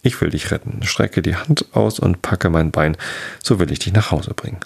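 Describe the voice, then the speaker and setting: A man's voice: deep voice, animated, normal speed, heavily acted. A man voicing a brusque, condescending old male gander who leads a flock of wild geese, in a storybook reading. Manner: gruff, condescending.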